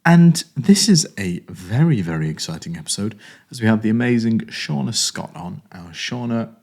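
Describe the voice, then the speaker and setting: Man, from England, podcast host, casual chat, jokey, lowish voice, outdoors. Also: expressive, normal speed, a little mellow. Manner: jokey, self-mocking. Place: outdoors on a rocky hilltop. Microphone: phone.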